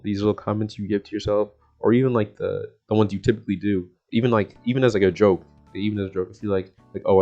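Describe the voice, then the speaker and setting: A young man with a low, warm voice gives a casual, slangy self-help talk to his audience as a vlogger. He rambles and repeats himself, often chuckling mid-sentence. Music plays underneath, and the sound is dull and lo-fi.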